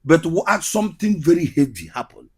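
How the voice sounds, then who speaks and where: A man's voice: a little high, very animated, normal speed, a crowd in the background. A man with a Nigerian Igbo accent, telling his story as an interview guest and repeating phrases emphatically. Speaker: guest, comedian and skit maker.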